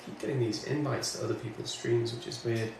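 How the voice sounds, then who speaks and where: In a casual livestream from his home studio, a northwest England music streamer chats, answers comments, and keeps working. He speaks a little fast with a steady tone, medium pitch, vocal fry, and a darkish quality, captured off mic in a very echoey room with faint background noise.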